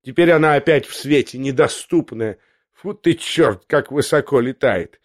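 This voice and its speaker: A man's voice: mid-range voice, moderate pace, no echo, lightly acted. A crude young schemer talks in a pushy, sneering way, voiced by a man. The sound is dry and close to the mic. It is a storybook reading. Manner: brash, coaxing, sneering.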